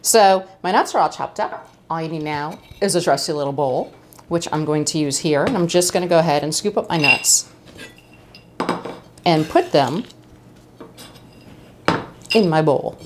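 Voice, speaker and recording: A woman's voice: deep voice, moderate pace, pauses often, noisy background. A middle-aged woman hosting her own cooking video, talking casually and chattily with fillers and asides as she makes a dish in her home kitchen. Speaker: cooking channel host.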